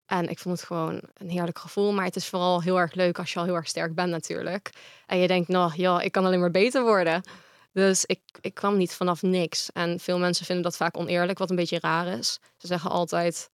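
A woman's voice: on the low side, little pitch movement, brisk, clear, resonant tone, no echo, studio quality. A woman guest in a casual interview, speaking frankly and at length.

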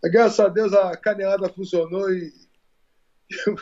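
A Brazilian man, a retired fighter, telling stories in a casual interview, animated, swearing often and repeating words as he restarts his sentences. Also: high voice, a little slow, dull audio.

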